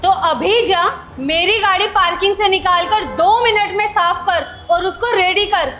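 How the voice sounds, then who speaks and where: A woman playing a high, haughty rich wife. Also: measured pace, a little hiss or hum. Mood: scornful. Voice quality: sharp and scolding, then soft and ashamed. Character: arrogant rich wife who turns remorseful. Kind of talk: amateur short-film acting.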